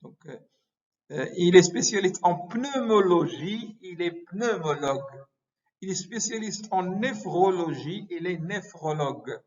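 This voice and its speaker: A man giving a medical lecture, halting often with hesitations and self-corrections. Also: sits high, expressive. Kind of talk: explanatory lecture. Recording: muffled lo-fi recording.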